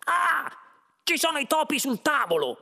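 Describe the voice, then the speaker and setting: A man's voice: mid-range voice, moderate pace, gravelly, close to an everyday voice. A man voicing a young man who is flustered and stammers. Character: startled bewildered young man.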